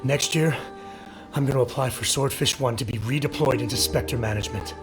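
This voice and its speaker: Casting: actor for wry, weary male game soldier, average pitch, plain talker. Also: a little fast, over music, lightly acted. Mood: wry, uneasy. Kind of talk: video game voice acting.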